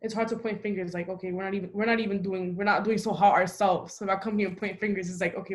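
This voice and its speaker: A young woman from the Dominican Republic chats casually on a podcast. She talks in a loose, emphatic way, leaning on "like" as a filler. Her voice sits at an ordinary middle pitch. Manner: talkative, frequent "like" fillers, emphatic. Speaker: podcast host.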